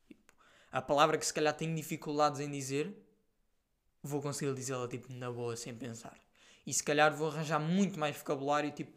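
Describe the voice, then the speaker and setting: A man's voice: a little high, a bit bright. A young man with a European Portuguese accent, talking casually to his viewers in a rambling, slang-filled monologue. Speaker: podcast host.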